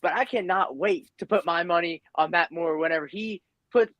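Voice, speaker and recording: A man's voice: high-pitched, moderate pace, a bit bright. A man bantering as a wrestling show panelist, cocky and emphatically repeating himself, on a noisy mic. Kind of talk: bantering in-character panel talk. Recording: clearly noisy mic with clicks.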